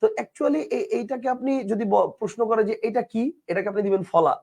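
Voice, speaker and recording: A man's voice: high voice, lively intonation, fairly quick, vocal fry, darkish tone. A man from Bangladesh, teaching a grammar lesson and explaining step by step, repeating key words and asking rhetorical questions.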